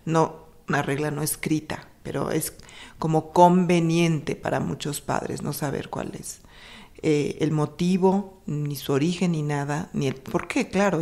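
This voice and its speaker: A woman hosting a podcast interview, asking lively questions. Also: on the low side. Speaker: podcast host.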